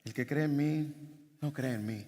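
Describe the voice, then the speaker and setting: A preacher briefly putting on a soft, hushed, mock-tender voice to show how a line should not be spoken. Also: male voice, mid-range voice, moderate pace, pitched below the performer's own voice, close to an everyday voice. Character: hushed, gentle man speaking softly over flute music. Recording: long hall reverb.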